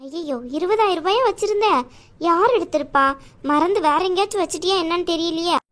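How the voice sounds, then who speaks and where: A woman's voice: extremely high pitch, brisk. A woman putting on a fretful cartoon mother. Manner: fretful, questioning. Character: worried middle-aged mother. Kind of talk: animated cartoon voice acting.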